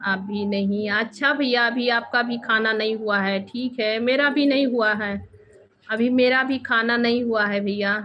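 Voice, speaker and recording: A woman hosting a casual live stream from home, softly chatting with viewers and often thanking them. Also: fairly high pitch, steady tone, unhurried, muffled recording, a little hiss or hum. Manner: soft-spoken, devotional, thanks viewers often. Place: home with two bedrooms and a temple.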